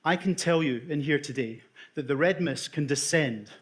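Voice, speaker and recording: A middle-aged Scottish man speaks to an audience, his voice pitched a touch higher than most men's. He tells stories with lively, dry humour, as a doctor who has worked in emergency care. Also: normal speed. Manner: storytelling with humour, lively delivery. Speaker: emergency department consultant. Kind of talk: talk to an audience.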